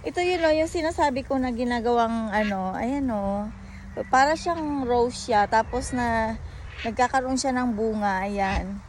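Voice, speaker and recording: A woman's voice: a little high, unhurried, slight background noise. Chatty, joking woman vlogging outdoors. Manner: chatty and joking, mixing in English phrases, laughing often. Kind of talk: casual walking vlog. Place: outdoors by a park pond.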